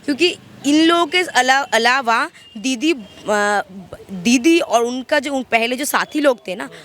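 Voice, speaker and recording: A woman's voice: high-pitched, animated, measured pace, a bit bright. A woman from West Bengal answering questions in a street interview, speaking emphatically and often restarting her words. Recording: faint traffic noise outdoors.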